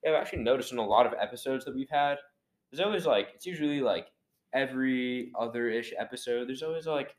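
A man's voice: medium pitch, fast talker. A young man co-hosting a casual sports podcast, talking loosely with many fillers and a mocking edge. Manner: rambling, filler-heavy, mocking. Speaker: podcast co-host. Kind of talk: casual chat.

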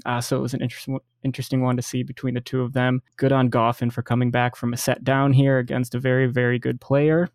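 Gravelly American man, podcast co-host. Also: medium pitch, flat delivery, fast talker, few pauses, no echo, clean studio sound. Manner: easygoing, laughs often, trailing off softly. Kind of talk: casual sports podcast chat.

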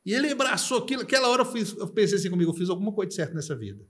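A man's voice: sits high, animated, racing, a bit bright. A middle-aged man from Brazil telling his own story in casual podcast chat, emphatic, asking "you know?" after his points. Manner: emphatic, fillers like "cara" and "entendeu".

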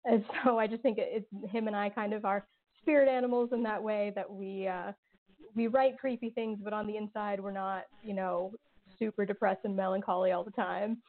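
Over a tinny line that sounds like a phone, a podcast creator and writer chats as an interview guest at a moderate pace. Her voice is medium in pitch with fairly even intonation, and her casual talk is full of "like" and "um" and sarcastic humor.

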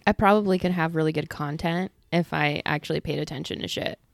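A woman's voice: low voice, brisk, creaky, no echo, clean studio sound. Woman podcast host in her thirties, blunt. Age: 30s. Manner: laughing, blunt, swears freely. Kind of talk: casual chat.

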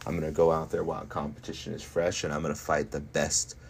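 Cocky, deep-voiced man boasting over background noise. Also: completely flat delivery, quick pace, gravelly. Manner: cocky, boastful, emphatic repetition; casual swearing, slangy. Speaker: fighter. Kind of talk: casual livestream monologue.

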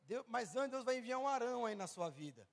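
A male pastor preaching at a youth event. He acts out the dialogue of Bible figures and of his listeners, building to loud, fervent passages. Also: extremely high pitch, lively intonation, brisk, in a large hall. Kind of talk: sermon. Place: large church hall or event venue.

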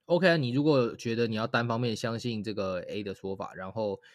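Fast, blunt young man. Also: lowish voice, no echo, clean studio sound. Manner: blunt, nonchalant, quick replies. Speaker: podcast co-host. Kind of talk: casual podcast chat.

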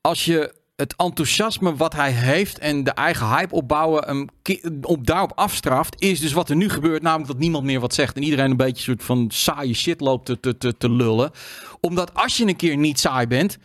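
A man's voice: fairly high pitch, moderate pace, few pauses, no room sound, studio quality. Laid-back male co-host telling anecdotes. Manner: relaxed, anecdotal, frequent stammered repeats and swearing. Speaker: talk show co-host. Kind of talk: casual panel chat.

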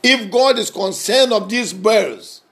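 A man preaching a sermon, emphatic and repetitive, swinging between raised passages and soft, intimate ones. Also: high voice, expressive, slow pace.

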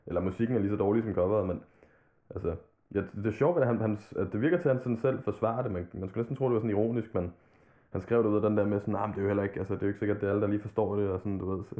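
On a hip-hop podcast, a man talks casually, wandering from point to point and cursing freely. His voice is on the low side, steady and mellow, and the line sounds tinny, like a phone.

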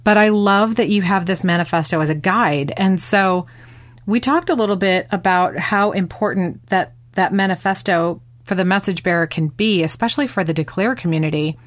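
A woman's voice: on the low side, normal speed, dry recording. A woman hosting a faith podcast, chatting casually and affirming her guest, laughing easily. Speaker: podcast host.

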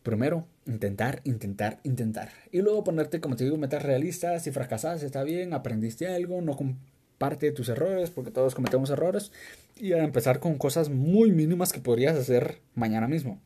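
Husky, mellow-voiced man giving life advice. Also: medium pitch, animated, moderate pace. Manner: encouraging, conversational, repeats key words. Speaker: self-help speaker. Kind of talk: motivational advice talk.

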